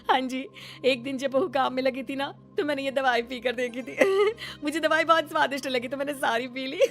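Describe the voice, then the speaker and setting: A woman's voice: high-pitched, lively intonation, pushed and bright, soft background music, exaggerated voice. A woman voicing an older mother-in-law in a cartoon who giggles through every sentence and cannot stop laughing. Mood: giggling. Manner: giggles through every line, drawn-out speech. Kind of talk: cartoon voice acting.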